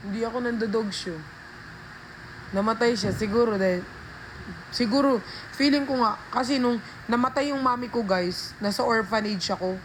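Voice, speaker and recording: A woman's voice: on the high side, a little hiss or hum, rough recording. A woman telling a rambling story on a casual livestream, talking into a phone and calling her viewers guys and be.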